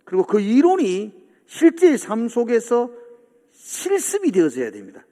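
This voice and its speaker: Preaching a sermon from the pulpit, a male pastor uses a high, mellow voice with huge pitch swings at a normal speed. He dramatizes the disciples' complaints while the sanctuary leaves a long reverb behind every phrase.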